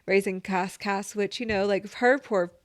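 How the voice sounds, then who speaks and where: Young woman co-host, chatty and filler-heavy, medium pitch, dry studio sound. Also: steady tone, dry recording. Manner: chatty, says "like" constantly, quick laughs. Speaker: podcast co-host. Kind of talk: casual chat.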